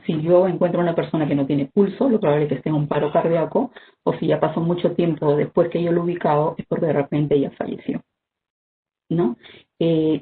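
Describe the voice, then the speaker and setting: A health instructor, giving an online first-aid training talk in a measured, explanatory way, often ending points with "¿no?". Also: medium pitch. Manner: measured, explanatory, frequent "¿no?" tags and "este" fillers. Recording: tinny phone-like video call audio with faint noise.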